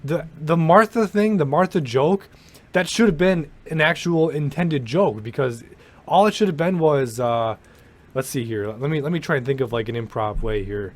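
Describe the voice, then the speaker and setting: A man's voice: a little high, normal speed. A young man giving a casual, rambling rant about a movie, with swearing and lots of restarts. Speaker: movie commentator. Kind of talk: casual ranting movie commentary.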